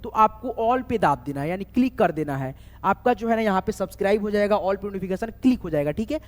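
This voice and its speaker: A man teaching a spelling lesson, slowly spelling words letter by letter and often checking that viewers follow. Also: high-pitched, animated. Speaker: online English tutor. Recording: echoey room with long reverb.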